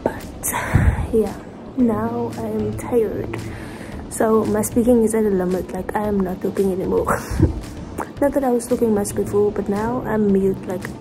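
A woman's voice: medium pitch, steady tone, a little slow, over music, low-quality recording. A young South African woman chatting casually to her viewers in a travel vlog, calling them babes and dropping in Afrikaans words. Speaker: travel vlogger.

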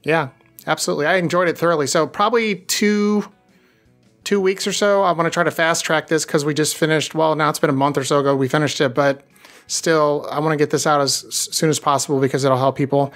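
A business podcast host chats with a guest in a casual interview, sounding enthusiastic and rambling with drawn-out phrasing. His voice is fairly high, fairly bright, and fairly even in intonation, with soft music playing in the background.

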